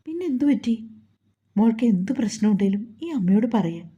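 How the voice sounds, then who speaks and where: A woman's voice: medium pitch, lively intonation, a little fast, dark tone, lo-fi sound, lightly acted. A woman voicing a middle-aged mother who explains things patiently and kindly. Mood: concerned.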